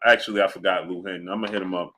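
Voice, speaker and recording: A man's voice: sits low, racing. A man hosting a sports live stream, chatting casually, reading out super chats and retelling stories with lots of laughter. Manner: animated storytelling, reads super chats, laughs often. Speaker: sports channel host.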